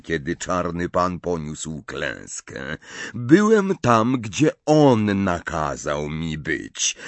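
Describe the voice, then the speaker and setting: Guy reading as calm cold wizard man, slow and bored, lively pitch swings. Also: no room sound, full character voice. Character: cold sardonic male wizard, middle-aged, controlled.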